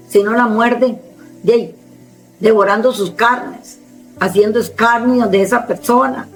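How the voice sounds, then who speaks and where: A woman's voice: fairly high pitch, low-quality recording. Woman evangelist, strong carrying voice, emphatic preacher's authority, faint music underneath. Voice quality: strong, forceful speaking tone. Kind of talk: sermon.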